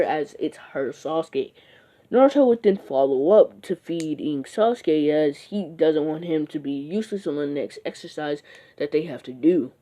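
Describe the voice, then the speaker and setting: A casual fan storyteller rambles through an imagined plot, often restarting sentences and leaning on fillers. The voice has a mellow, darker tone at a middle pitch.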